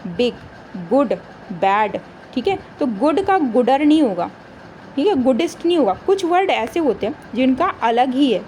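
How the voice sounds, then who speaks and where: A woman teaching an exam-prep grammar lesson. She asks questions and answers them herself, and reads example sentences slowly. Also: on the high side, a little mellow, a little hiss or hum, rough recording.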